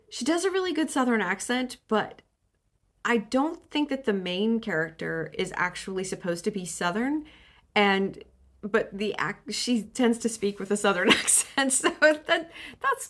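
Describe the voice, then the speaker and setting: A woman's voice: fairly low pitch, fairly bright tone. A woman chatting casually about books she has been reading, with many fillers, restarts and frequent laughs. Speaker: book vlogger. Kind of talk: casual book chat.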